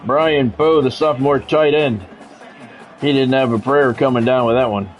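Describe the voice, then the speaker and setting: Over faint background music and dull audio, a middle-aged man delivers radio-style play-by-play for a football video game, speaking in clipped bursts with casual asides. His voice is mid-range and moves at normal speed.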